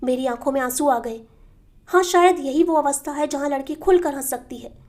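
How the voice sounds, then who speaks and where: A woman storyteller reading a literary short story aloud, soft and sorrowful with dramatic pauses. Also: high voice. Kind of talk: emotional literary narration.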